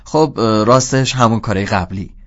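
A man voicing a teenage boy who deepens his voice to sound older, hesitant and overly polite. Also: a bit bright, natural voice. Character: teenage boy faking a grown-up voice. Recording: dull lo-fi audio.

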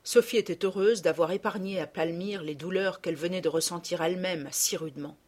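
A woman narrating a children's book audiobook in a calm, measured storytelling voice. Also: fairly low pitch.

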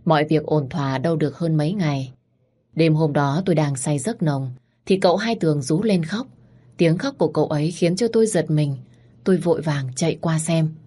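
A woman narrating a first-person story in a steady, dramatic way. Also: low-pitched, brisk.

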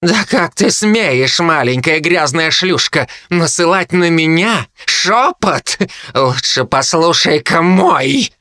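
A man's voice: fairly high pitch, animated, slow, bright, forceful tone, no room sound, voice pushed up, full character voice. A man reading an audiobook voices a ravenous female harpy who shrieks her demands. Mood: scornful.

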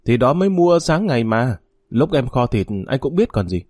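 A man's voice: medium pitch, big pitch swings, moderate pace, a little mellow, no room sound, clean studio sound. A man voicing a spiteful, lying stepmother who denies everything. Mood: defiant denial. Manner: stubborn, denying everything.

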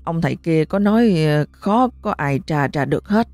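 A cold, scheming master of a rich household in a narrated ghost story, voiced by a woman narrator, grumbling in a low, clipped voice. his words are fast and irritable. the recording is dry and close, with faint music behind. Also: expressive, darkish tone, no echo. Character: gruff, scheming older husband of a rich house.

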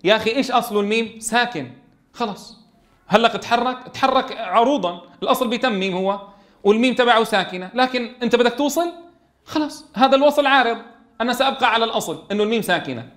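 A man's voice: very high voice, fast talker, fairly bright tone. A man teaching a tajweed lesson in a classroom, keeps asking his students questions and answering them himself. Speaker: Quran recitation teacher.

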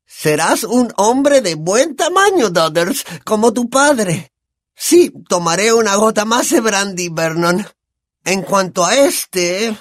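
A man voicing a drunk, cruel, loud older aunt with a Latin American Spanish accent, shrill and sneering. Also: very animated, slow pace, no room sound, clean studio sound, full character voice.

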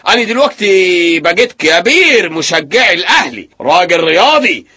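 A man's voice: high-pitched, very animated, breathy edge, exaggerated voice. An actor playing a boastful, bossy rustic husband in a radio comedy, with an Egyptian Arabic accent, blustering and scolding his wife. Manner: blustering and scolding, quick to shout. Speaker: lead comic actor.

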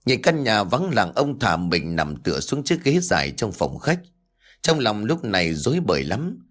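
Man narrating a ghost story, lively pitch. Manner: measured storytelling delivery. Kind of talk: scripted horror story narration.

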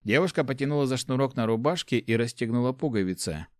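A man narrating a fantasy story audiobook in a steady, even storytelling manner. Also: medium pitch, fast, no echo, clean studio sound. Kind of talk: scripted narration.

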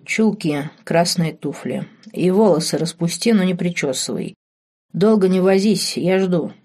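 A woman voicing a seductive duke, slow and hushed. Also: lowish voice, expressive. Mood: commanding.

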